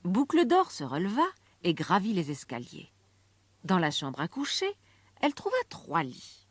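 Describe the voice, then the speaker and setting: A woman narrating a children's story in a lively, sing-song reading voice. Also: lowish voice, unhurried, husky.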